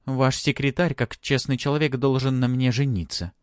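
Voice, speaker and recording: A man voicing a capricious young woman who loudly demands to be married. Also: steady tone, normal speed, no room sound, clean studio sound, close to an everyday voice. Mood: demanding. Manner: shrill, demanding.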